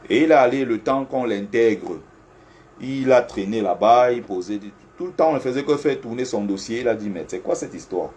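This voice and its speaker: A man's voice: mid-range voice, normal speed, slight background noise. A man, a security agent, talking casually and animatedly to viewers from an office. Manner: animated, repetitive, addresses viewers directly. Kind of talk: casual talk to camera. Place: air-conditioned office.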